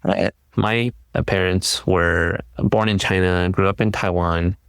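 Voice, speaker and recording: A middle-aged man from California speaks in a measured, thoughtful way as a guest on a podcast. His voice sits low and sounds smooth and clear, with a dry, close sound. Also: steady tone, a bit bright, no room sound. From California, United States. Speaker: guest scholar. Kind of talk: casual interview.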